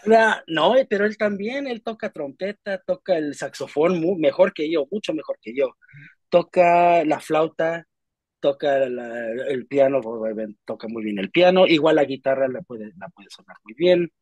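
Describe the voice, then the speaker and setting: Husky young man telling stories. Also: on the high side, moderate pace, dry recording, highs cut off. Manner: animated storytelling with many restarts. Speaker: interview guest. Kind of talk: casual conversational interview.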